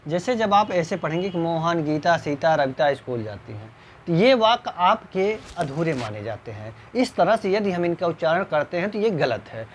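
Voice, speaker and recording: A man teaching Hindi grammar in an exam-prep lecture, reading example sentences slowly and putting rhetorical questions to his students. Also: high voice, a bit bright, slight background noise.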